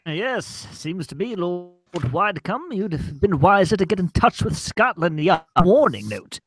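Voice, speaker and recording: A man playing an obtuse, stubborn, wisecracking police inspector in a comic radio play, halting and deadpan. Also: sits high, no echo, heavily acted. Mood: halting, amused. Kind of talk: loose comic live parody of old-time radio drama. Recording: noticeable background noise and clicks.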